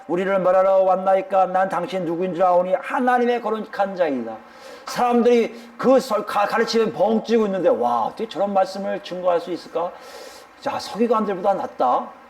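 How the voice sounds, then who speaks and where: A man's voice: fairly high pitch, a little mellow. A male pastor preaching a sermon, speaking emphatically and addressing the congregation directly.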